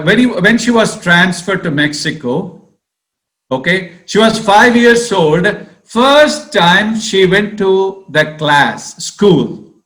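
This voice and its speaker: A man's voice: high-pitched, bright, forceful tone. A man, a priest, giving a sermon-style talk and telling stories, often calling his listeners friends. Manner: storytelling, addresses listeners as friends. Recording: roomy echo.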